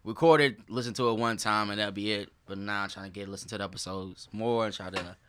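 A man's voice: on the low side, steady tone, quick pace, a bit bright, a little hiss or hum. A man hosting a podcast in loose, rambling casual chat, laughing often. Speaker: podcast host.

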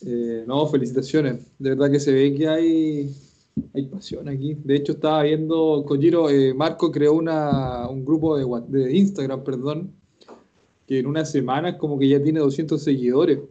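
A man's voice: fairly high pitch, fairly even intonation, moderate pace, warm tone, highs cut off. A man hosting a casual online language class, chatty and encouraging, often repeating himself. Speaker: host and Japanese teacher.

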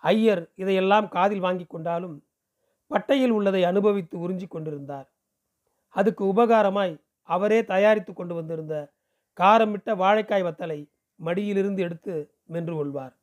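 A man from Pondicherry reading a novel aloud in a steady storytelling delivery. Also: high-pitched, moderate pace, pauses often. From Pondicherry, India. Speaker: audiobook reader.

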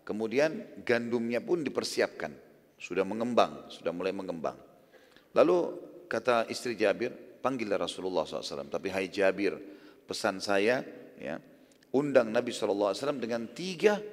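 A man preaching in Indonesian-language sermon style, retelling a story in a lively way and acting out the people in it. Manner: animated retelling, acting out lines with rising pitch and volume. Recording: long hall reverb.

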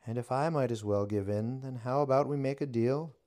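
A man voicing a witch who speaks deadpan and teasing, with a wry edge. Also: medium pitch, fairly quick, pitched above the performer's own voice, close to an everyday voice. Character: wry, deadpan witch facing death, woman.

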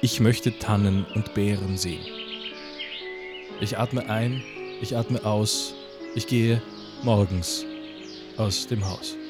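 A man reading a mock-solemn poem in a dry, deadpan, halting way. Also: lowish voice. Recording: music playing under the voice.

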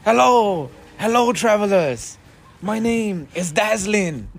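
A man's voice: high voice, expressive, takes it slowly, creaky, a little hiss or hum, pitched above the performer's own voice, heavily acted. Man doing a welcoming dwarf, eager, helpful, tabletop game. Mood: friendly. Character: friendly, helpful male dwarf.

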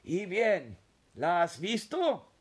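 Man doing an excited old grandpa. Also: high-pitched, very slow, breathy edge, pitched above the performer's own voice, heavily acted. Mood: conspiratorial. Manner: hushed, conspiratorial, emphatic.

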